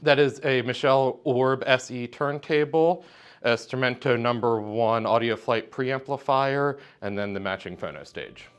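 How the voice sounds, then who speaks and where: At a hi-fi trade show exhibit, a male product representative explains technical details precisely and matter-of-factly in conversation. His medium-pitched voice is smooth and a bit slow.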